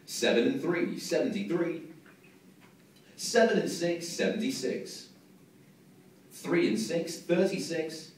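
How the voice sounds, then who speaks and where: A young man works as a bingo caller, chanting numbers in measured, repeated phrases. His voice sits a little high and booms with heavy echo through a big hall's PA. It is picked up from a distance. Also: animated. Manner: measured sing-song number calls, each repeated. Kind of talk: bingo calling over a hall PA, numbers in set rhythmic phrases. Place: large indoor bingo hall. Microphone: PA sound picked up by a distant camera. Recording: echoey PA, distant mic, faint hall noise.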